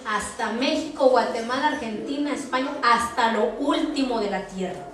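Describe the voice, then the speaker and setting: A woman preaching a sermon, emphatic, rising to high pleading tones when she quotes people. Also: normal speed, a bit bright, soft background music. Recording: echoey hall from far off, faint noise.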